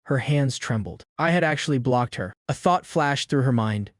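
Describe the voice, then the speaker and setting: A man narrating a comic story recap in a steady, even storytelling manner. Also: mid-range voice, normal speed, dry recording, studio quality.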